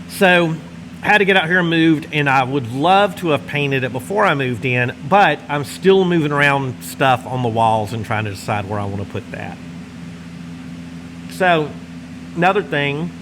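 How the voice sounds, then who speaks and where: Smoking a cigar and pausing between puffs, the middle-aged host talks to camera in a mid-range voice with a folksy Northwest Louisiana Southern drawl, wandering easily from topic to topic. He's seated close to the camera inside his big insulated home garage workshop while the heater runs with a constant hum.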